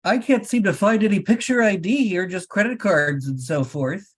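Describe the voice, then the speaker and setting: A man's voice: sits high, normal speed. A man doing a blunt, businesslike cop. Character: blunt police officer. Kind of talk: amateur script read.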